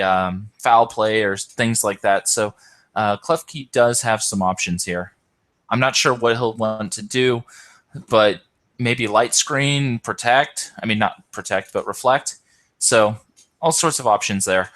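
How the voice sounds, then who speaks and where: There's a fairly bright tone to this medium-pitched man's voice as he hosts and calls an online game tournament. Worn out and yawning, he stumbles along hesitantly with many ums and self-corrections.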